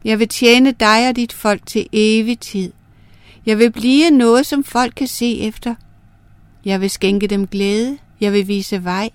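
A woman's voice: a little high, steady tone, smooth, dry recording, close to an everyday voice. A woman voicing the moon as a weak, pleading male spirit who solemnly promises his service, in a told folk tale.

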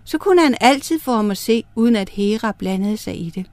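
A woman narrating star myths and a fairy tale for children, reading in a clear, gentle way. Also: fairly high pitch, animated, no room sound. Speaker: storyteller.

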